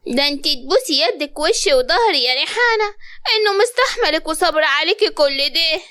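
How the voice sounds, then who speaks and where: A woman's voice: sits high, lively intonation, fairly quick, pushed and bright, dry recording. Woman playing a harsh Upper Egyptian mother-in-law. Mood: scolding. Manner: scolding, commanding.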